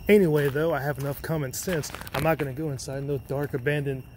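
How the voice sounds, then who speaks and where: A man's voice: on the high side, steady tone, fast, slight background noise. Muttering man exploring an abandoned building. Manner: muttering to himself, casual and profane. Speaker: urban explorer vlogger. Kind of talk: exploring narration to camera. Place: inside an abandoned hospital.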